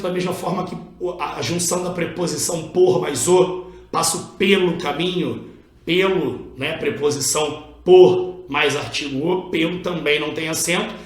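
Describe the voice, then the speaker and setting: A man's voice: a little high, fairly bright tone, roomy sound. A man with a Brazilian accent teaching an online Portuguese exam-prep lesson, explaining step by step, pointing things out and stretching out key syllables. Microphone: recorded over a drawing screen, writing with a pen.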